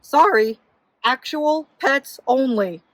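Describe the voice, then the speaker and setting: A woman's voice: high voice, lively intonation, slow, a bit bright, no echo, voice pushed up, exaggerated voice, rough recording. A woman voicing a skeptical, matter-of-fact naysayer in a children's storybook. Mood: dismissive. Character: skeptical, dismissive storybook naysayers about pet trees. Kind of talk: storybook character reading.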